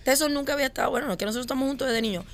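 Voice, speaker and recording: A woman talks fast and openly in a casual podcast chat. Her voice sits a little high and she rattles through her stories. She sounds blunt and unfiltered. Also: slight background noise. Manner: frank, laughing storyteller.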